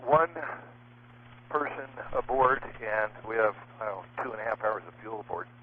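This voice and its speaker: A man flying alone in an emergency, speaking as a pilot over the radio to air traffic control in a halting way with many fillers. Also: on the low side. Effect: pilot heard over an air traffic radio. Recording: narrow, tinny radio transmission.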